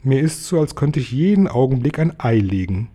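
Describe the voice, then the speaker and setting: This is a fretful mother bird who frets and complains aloud, as a male reader puts her on. Her voice sits a little higher than the narrator's and stays husky and mellow. She tells her story in a lamenting storybook way. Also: very animated, a little fast. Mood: delighted. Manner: whiny, lamenting.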